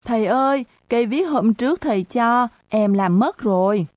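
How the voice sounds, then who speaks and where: A woman's voice: on the high side, expressive, normal speed, a little mellow, no room sound, voice pushed up, natural voice. A woman voicing a cheeky, naive little schoolgirl who is stubborn and loves to argue, in a chirpy, innocent questioning tone.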